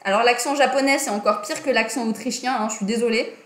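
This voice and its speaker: A fast-talking young woman with a highish voice leads a relaxed livestream on design and politics. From her desk in a small, echoey room, she chats away, using lots of fillers and correcting herself as she goes.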